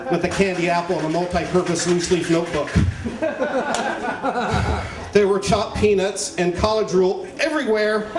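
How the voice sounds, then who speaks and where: A man performing stand-up comedy in a crude clown persona, ranting with mock indignation to a live audience. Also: high-pitched. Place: live stage before an audience. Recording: echoey room with live audience.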